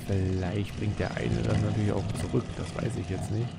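A man's voice: lowish voice, steady tone, normal speed, loud music behind the voice. A man streaming a video game with casual, understated commentary, musing to himself. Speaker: let's play streamer. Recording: clear game noise behind the voice. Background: game ambience.

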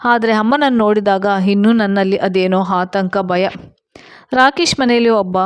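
A woman narrating a first-person family story in a soft, earnest reading voice, sometimes dropping to a whisper. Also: medium pitch, brisk, clean tone, no echo, clean studio sound.

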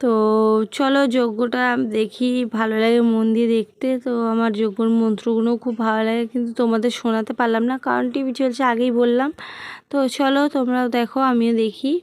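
A woman's voice: on the high side, flat delivery, brisk, darkish tone, clear, resonant tone, no room sound. A middle-aged woman chatting casually to viewers as she narrates a family home vlog, rambling and addressing them directly. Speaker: vlogger.

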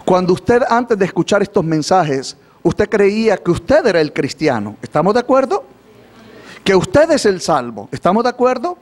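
Male preacher with a high voice, livestreamed sermon, leads call-and-response with the congregation. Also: sing-song, moderate pace, a little mellow. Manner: asks the congregation for call-and-response, repeats questions. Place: church or studio, livestreamed.

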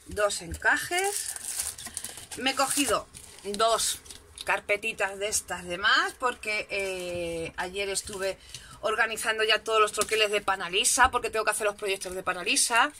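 A chatty woman talks casually at her craft desk. Her voice is very bright and sharp, and her manner is self-mocking. The overhead camera picks up a faint hiss in the background. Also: mid-range voice, measured pace. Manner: chatty, self-mocking, frequent "¿vale?" check-ins. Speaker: crafting vlogger. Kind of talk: casual shopping haul chat. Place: home craft desk, indoors.

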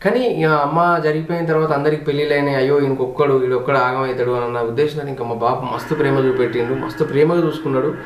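A man's voice: mid-range voice, fairly even intonation, fast talker, few pauses, reverberant, a little hiss or hum. A man with a Telangana Telugu accent, a vlogger telling his family's story in a heartfelt, reflective way, repeating words for emphasis. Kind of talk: personal storytelling on a home tour.

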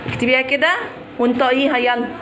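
A woman's voice: high voice, fairly even intonation, quick pace. A young woman with an Egyptian Arabic accent teaching young pupils in a classroom, prompting and praising them by name. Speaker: primary school teacher. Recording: noisy classroom ambience.

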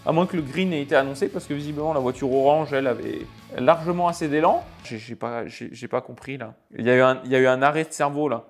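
A man giving casual, expressive commentary over racing game clips. He talks in halting bursts with many fillers and reacts aloud to the crashes. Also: medium pitch, soft background music. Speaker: sim racing video creator.

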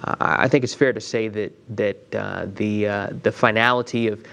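Casting: middle-aged American man, press briefing official, creaky flat delivery, deliberate and halting. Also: on the low side. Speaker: space mission team leader at press conference. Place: indoor briefing room. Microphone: lapel mic.

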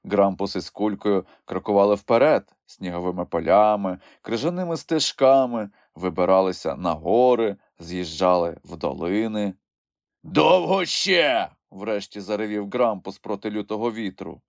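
A man narrating a children's audiobook in an expressive storytelling manner. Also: fairly low pitch, normal speed, few pauses, dry recording, clean studio sound. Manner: expressive storytelling with lively swings. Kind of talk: scripted narration.

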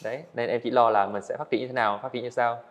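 Here a young man of eighteen, an animator, sits for a podcast interview in an indoor studio, telling his story with earnest politeness. He speaks fast at a medium pitch with fairly even intonation.

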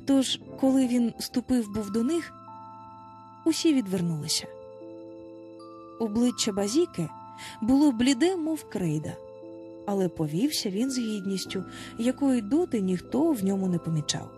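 A woman narrating a children's storybook aloud with animated expression. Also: fairly high pitch, moderate pace, pauses often, faint music behind. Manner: animated, voices each child in turn. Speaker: audiobook narrator.

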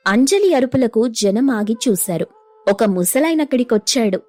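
A woman narrating a cartoon storybook in a steady, even manner. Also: on the high side, normal speed, no echo, soft background music.

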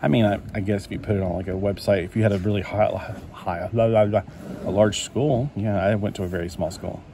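A man with a fairly low, dark voice speaks fairly quickly and with fairly even intonation, a little hiss or hum behind him. He's paging through a collector magazine at an indoor table, casually rambling to himself and readily delighted.

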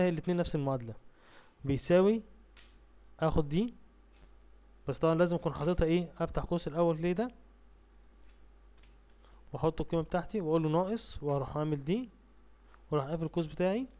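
A man with an Egyptian Arabic accent teaching a spreadsheet tutorial over a screen recording, reading English task steps slowly and asking himself questions as he clicks through. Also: a little high, a little mellow. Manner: asks and answers his own questions while clicking through steps; reads English task text slowly, then explains. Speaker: software tutor.

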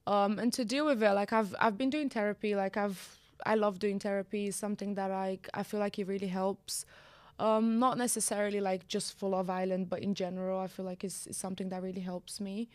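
A young Brazilian woman with a Brazilian Portuguese accent speaks candidly and reflectively as a guest on a casual podcast interview, saying "like" again and again. She has a medium-pitched, level voice and talks fairly quickly with no echo. She is recorded in a small studio with a sofa and purple lighting, close to a studio boom mic.

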